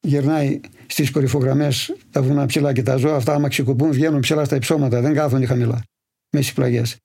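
A livestock farmer from Imathia, answering interview questions in detailed, steady storytelling. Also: male voice, mid-range voice, creaky, husky. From Imathia, Greece.

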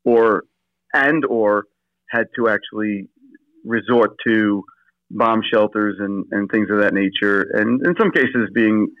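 A man's voice: fairly low pitch, slow, dry recording. A man on a phone call, answering as an interview guest, hesitant with many fillers and restarts. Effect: heard over the phone. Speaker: assistant pastor, phone-in guest. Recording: dull lo-fi phone line, dry.

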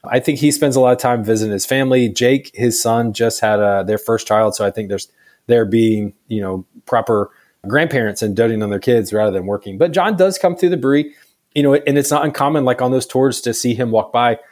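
A man's voice: mid-range voice, fairly quick, darkish tone. A man answering interview questions about his brewery in a loose, chatty way, full of fillers. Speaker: brewery staff guest.

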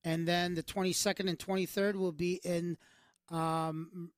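A high-voiced man co-hosting a podcast, talking loosely and filling pauses with uhs. The sound is dry and close. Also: level tone, smooth, no room sound. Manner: rambling, loose, filler-heavy. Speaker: comedy touring performer and podcast co-host. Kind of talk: casual chat.

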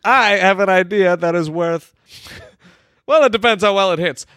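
A man's voice: high voice, a little slow, fairly bright tone, dry recording, studio quality. A man co-hosting a casual comedy podcast who insists on his points and laughs often. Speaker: podcast co-host.

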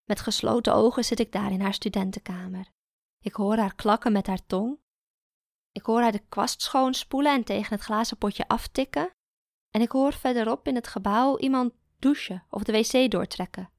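A woman narrating a first-person story in a calm, even storytelling manner. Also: a little high, moderate pace, creaky, no echo, studio quality. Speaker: audiobook narrator.

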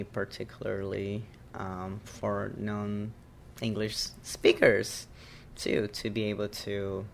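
Low, gravelly man. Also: slight background noise. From Brazil. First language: Portuguese. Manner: thoughtful, searching for words, laughs lightly. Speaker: oral history interviewee. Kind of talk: reflective personal interview.

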